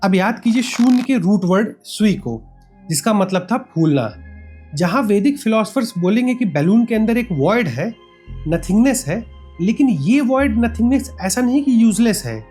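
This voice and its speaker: A narrator delivers a scripted history lesson with a lively, rising and falling pitch. The explanation moves step by step, with rhetorical questions to the listener and frequent switches into English phrases. Faint music plays underneath the voice-over. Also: normal speed, breathy edge. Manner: switches often between Hindi and English phrases. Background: faint background music.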